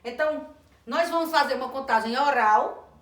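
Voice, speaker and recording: Woman educator, high pitch, clear instructional delivery that spells out sounds slowly; roomy echo on the track. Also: fairly bright tone. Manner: slow, deliberate sounding out of words and letters. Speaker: teacher trainer. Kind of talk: instructional lesson on early literacy. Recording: echoey room.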